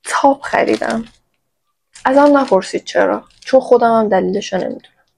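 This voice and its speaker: A woman's voice: fairly high pitch, vocal fry, a little mellow, poor audio. A woman from Iran chatting playfully to her viewers in a casual shopping haul vlog, recorded on her own microphone. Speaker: vlogger.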